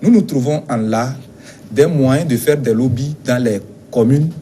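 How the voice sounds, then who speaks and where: Speaking for a teachers' union, a Togolese man responds to an interviewer in a steady, insistent way, occasionally hesitating. There's slight background noise behind his warm, medium-pitched voice.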